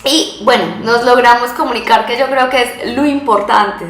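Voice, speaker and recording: High-pitched Latin American woman interviewing. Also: moderate pace, a bit bright, echoey room, a little hiss or hum. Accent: Latin American Spanish. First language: Spanish. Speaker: interviewer and host. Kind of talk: casual chat interview, mixing Spanish and Portuguese.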